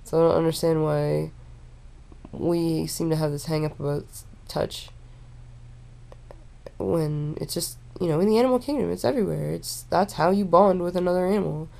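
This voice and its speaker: A young woman rambling in a relaxed, stoned drawl, full of fillers and restarts, talking casually to her camera at home. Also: low voice, gravelly. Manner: meandering, halting, with frequent fillers and restarts. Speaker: vlogger.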